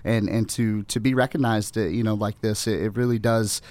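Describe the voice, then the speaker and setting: A man chatting casually as a talk show guest, halting and often checking for agreement. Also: fairly low pitch, steady tone, darkish tone, no room sound. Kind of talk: casual conversation.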